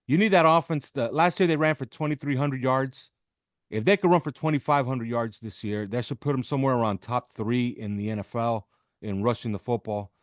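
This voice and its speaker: A man gives unscripted football analysis on a podcast, speaking off the cuff, making emphatic points, and checking in with brief questions. His medium-pitched voice runs a little fast, and the recording is dry with clean studio sound.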